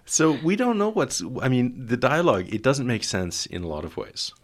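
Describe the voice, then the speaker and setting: A man's voice: medium pitch, wildly swooping pitch, moderate pace. A man hosting a casual language lesson podcast with wry, easygoing commentary. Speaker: host.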